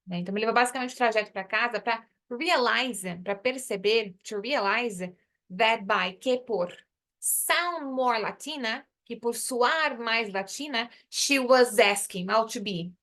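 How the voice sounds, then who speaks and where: A woman's voice: fairly high pitch, fairly bright tone. A woman teaching an English lesson online, explaining patiently and repeating phrases to drill pronunciation.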